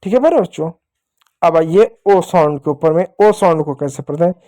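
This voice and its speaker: A man gives a children's lesson with a mellow, warm tone. He speaks patiently, repeating every point and posing questions that he answers himself. His delivery is that of a teacher walking small learners through each step. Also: a little high, lively intonation, brisk. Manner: patient, repetitive explaining, asks questions and answers them himself. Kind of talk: classroom-style lesson for children.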